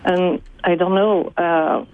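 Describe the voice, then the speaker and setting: A shaken woman in her forties with a French accent, a native French speaker giving an eyewitness interview and haltingly searching for English words. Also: lowish voice, fairly even intonation, darkish tone, low-quality recording. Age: 40s. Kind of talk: live radio interview.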